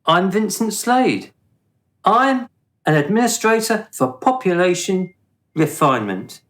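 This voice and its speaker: In a radio play, a man performs a smug, officious afterlife bureaucrat with a full character voice, sounding amused and self-important. He speaks slowly and deliberately, condescending and drily mocking, his pitch swooping expressively.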